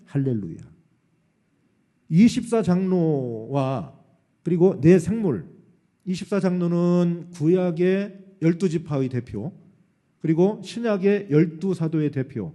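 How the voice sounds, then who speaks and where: A middle-aged male pastor delivers a sermon in a church sanctuary, with a slightly raised pitch but a deep, very dark and mellow tone. He moves between loud, ringing calls and quiet, low asides.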